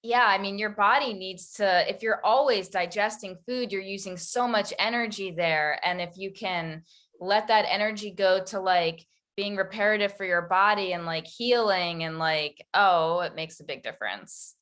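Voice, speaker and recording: A woman's voice: mid-range voice, normal speed, fairly bright tone. A woman hosting an interview, talking in a friendly, easygoing way with many fillers. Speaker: podcast host, interviewer. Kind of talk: casual interview chat.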